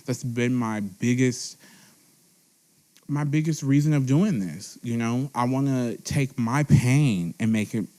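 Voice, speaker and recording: A man's voice: medium pitch, slow pace, warm tone. A young man from Texas hosting his own podcast, talking alone with earnest, heartfelt feeling and repeating phrases, a bit tipsy. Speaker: podcast host. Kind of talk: emotional solo monologue. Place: seated at a table at home.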